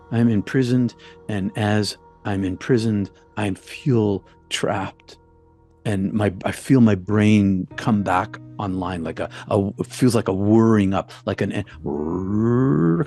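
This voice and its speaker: A man recounting a personal experience in a halting way, often repeating words and restarting. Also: lowish voice, darkish tone. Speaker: storyteller. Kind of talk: personal testimony.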